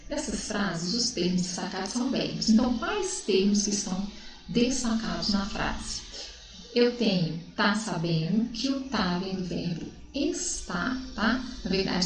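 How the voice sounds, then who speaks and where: A woman's voice: mid-range voice, darkish tone, recorded from a distance. A woman from Brazil teaching a recorded school lesson, asking questions and answering them herself. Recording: echoey room, voice from away from the mic.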